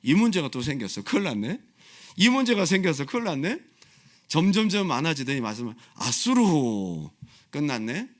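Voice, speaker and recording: Impassioned Korean-speaking male pastor, lively pitch. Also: fairly quick. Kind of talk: sermon. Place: church sanctuary.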